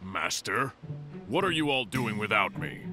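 A man's voice: lowish voice, sing-song, unhurried, over loud music. A man voicing an earnest, put-upon dinosaur warrior in a cartoon, with a dramatic, grumbling delivery. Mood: hurt. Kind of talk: animated cartoon voice acting.

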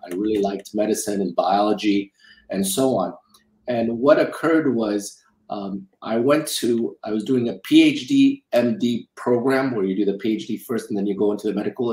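A man's voice: on the low side, moderate pace, darkish tone, roomy sound, low-quality recording. A middle-aged man from Romania, a guest in a casual interview, talking from a home office over a webcam, rambling and repeating words as he thinks. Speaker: guest, film financier. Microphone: video call webcam.

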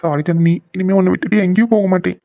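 A man voicing a gentle, loving young husband in a cartoon, speaking softly and reassuringly. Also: high-pitched, steady tone, fast talker, creaky, no room sound, narrow, tinny audio. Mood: tender. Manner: soft and reassuring. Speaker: husband who returns home. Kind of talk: cartoon voice acting.

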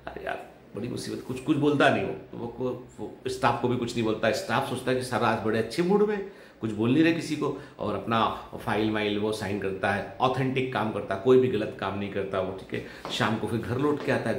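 A man hosting a vlog, telling a story in a casual, conversational way and often adding "ठीक है" as a tag. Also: on the low side. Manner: conversational, with frequent "ठीक है" tags. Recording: roomy echo, faint background noise.

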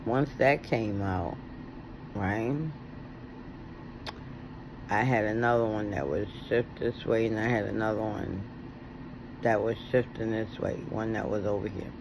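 A middle-aged American man chatting casually to a phone camera with halting, toothless speech. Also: on the low side, steady tone, gravelly, background noise. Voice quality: toothless, soft-edged articulation. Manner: halting, with long pauses. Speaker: video blogger. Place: indoors at home, reclining. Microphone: phone at arm's length.

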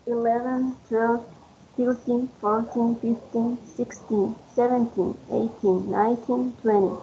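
A woman student reading numbers aloud on an online call, her voice mellow and her intonation flat. She takes the list slowly. The audio is muffled, with a faint hum of background noise. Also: a little high. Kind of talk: reciting numbers in class. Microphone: video call.

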